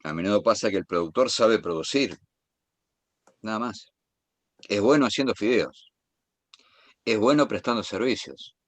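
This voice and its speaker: Eager Argentine male guest, very low voice, dry close sound. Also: no room sound. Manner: eager, rushing to say many things at once. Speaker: guest speaker. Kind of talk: impassioned talk.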